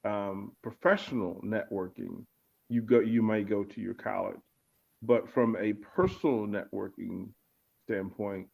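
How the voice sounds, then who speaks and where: A man from Arlington, Virginia speaks in a lowish voice with fairly even intonation, a slightly slow pace, and vocal fry. As a guest in a casual interview he sounds reflective, repeating words while he searches for the right phrasing. The audio is muffled and lo-fi.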